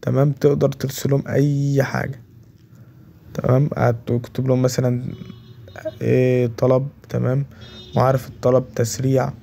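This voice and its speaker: A man's voice: mid-range voice, little pitch movement, normal speed, creaky, long pauses, warm tone. A man with an Egyptian accent walking viewers through a website in a casual tutorial, saying "okay" between every step. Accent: Egyptian Arabic. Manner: keeps repeating "okay" between steps. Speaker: tutorial presenter. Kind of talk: casual screen walkthrough.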